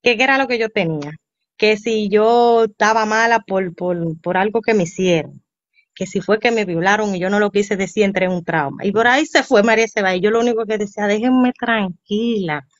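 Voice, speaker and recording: A woman, telling her story as an interview guest, animated and acting out the voices she quotes. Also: medium pitch, brisk, dry recording. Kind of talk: storytelling in casual chat. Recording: dull, slightly muffled sound.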